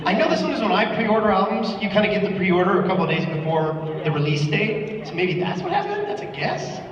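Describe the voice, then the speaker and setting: A man's voice: high-pitched, sing-song, a little fast, crowd noise. A man on a live panel, casually bantering and giving playful, easygoing, rambling answers to fans. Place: large hall at a convention panel. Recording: echoey hall, distant, muffled, noisy room.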